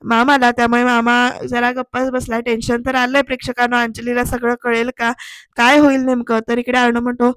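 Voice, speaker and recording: Woman reviewer voicing a serial recap; high pitch, dry close sound. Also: level tone, fairly quick, fairly bright tone, smooth, dry recording. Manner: retells scenes acting out the characters' lines; addresses viewers directly. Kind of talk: voice-over episode recap.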